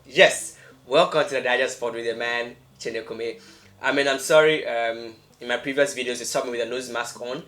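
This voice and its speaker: A man's voice: medium pitch, steady tone, moderate pace, a bit bright. A young Ghanaian-accented man hosting a podcast in a casual, conversational way, often repeating phrases for emphasis. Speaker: podcast host.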